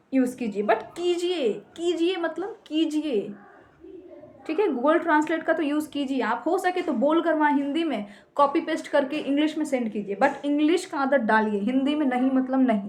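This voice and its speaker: A woman's voice: high voice, brisk, a little mellow. A young Indian woman giving emphatic, repetitive tips to English learners, mixing Hindi and English. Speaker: English teacher. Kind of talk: casual tutorial talk.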